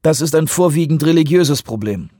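A man's voice: on the high side, expressive, normal speed, warm tone, no echo, clean studio sound, voice pushed up. Man doing a curt, dismissive defense secretary.

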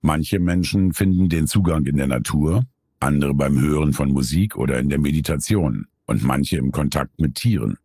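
A man reading a scripted nonfiction summary in a calm, measured way. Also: rumbling low, breathy edge, no room sound, studio quality. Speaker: narrator.

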